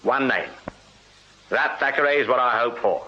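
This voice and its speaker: An actor playing a shrewd, firm Victorian police sergeant with an English accent, brisk, courteous and wry, in a radio drama. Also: male voice, medium pitch, animated, sharp tone. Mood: wry, intent. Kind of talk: full-cast radio drama acting. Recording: slightly dull radio drama recording.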